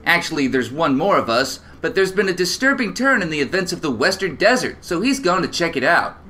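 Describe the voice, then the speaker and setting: A man putting on a sassy, motherly barkeep woman with a raised, lively voice. She drawls and calls everyone honey. Her voice swings up and down as she talks. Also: on the high side, brisk, a little hiss or hum. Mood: warm teasing.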